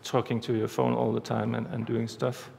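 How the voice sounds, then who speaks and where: A man giving a conference talk, walking through a live demo step by step in a halting way, recorded in a large hall. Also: mid-range voice, monotone, creaky, darkish tone. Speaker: conference speaker. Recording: reverberant hall, faint background noise.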